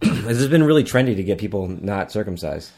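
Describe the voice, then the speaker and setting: Male podcast co-host, lowish voice, loose joking banter, recorded slightly far from the mic. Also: lively intonation, brisk, a little mellow. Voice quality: frequent throat clearing. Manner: crude, joking, profane. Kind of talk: casual chat. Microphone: one shared microphone. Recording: distant from a single shared mic.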